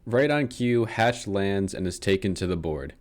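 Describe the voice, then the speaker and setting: A young man with a fairly low, somewhat dark voice recaps a book's plot as comedy, dry and sarcastic, swearing and laughing at his own jokes. He's working from a script yet sounds relaxed and conversational, expressive, at an ordinary pace.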